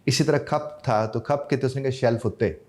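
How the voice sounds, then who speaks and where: A man with a Pakistani Urdu accent, talking through his teaching method in an interview. His voice is mellow and dark, at an ordinary pitch for a man, and now and then he acts out quick little exchanges to make a point. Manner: acts out short dialogues to illustrate points. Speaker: life coach and English trainer, guest. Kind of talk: explanatory interview talk.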